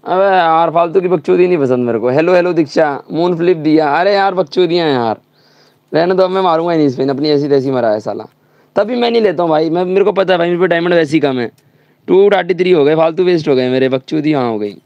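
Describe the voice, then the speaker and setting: A man's voice: on the high side, lively intonation, quick pace, no echo, dull audio. Angry swearing young male game streamer. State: slightly sore throat. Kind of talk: live gaming stream chat.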